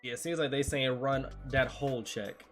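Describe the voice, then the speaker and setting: A man's voice: mid-range voice, steady tone, normal speed, fairly bright tone, faint music behind. A man hosting a casual gaming news podcast, reading out stories and joking in slangy banter. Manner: laid-back slangy banter, reads news items aloud. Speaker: podcast host.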